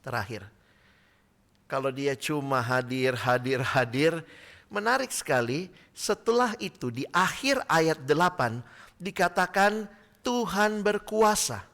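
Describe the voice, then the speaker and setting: Bright-voiced male pastor telling a story. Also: fairly high pitch, a little slow. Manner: lively storytelling that acts out the people in the story. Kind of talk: sermon. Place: church.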